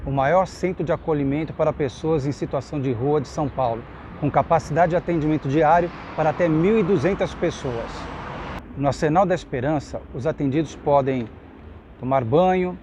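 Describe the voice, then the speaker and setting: A man presenting a channel's vlog intro in an upbeat, clear way. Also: fairly high pitch, brisk, a little mellow, a little hiss or hum. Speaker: vlog reporter, host.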